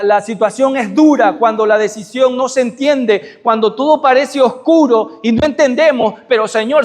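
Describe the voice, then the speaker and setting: A man preaching a sermon who asks his congregation rhetorical questions and swings from loud high peaks to soft low endings. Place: church sanctuary. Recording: long reverb of a church hall.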